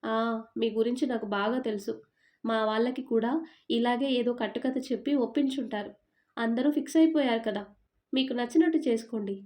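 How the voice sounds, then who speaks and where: A woman's voice: a little high, a little fast, darkish tone, close to an everyday voice. A woman voicing a stubborn, suspicious young woman who fires off accusing questions.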